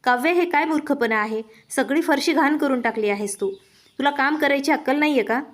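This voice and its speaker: A haughty, wealthy lady of the house, put on by a woman narrator, scolding her maid with open contempt. Her voice sits a little high and stays sharp with scorn. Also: brisk, lightly acted.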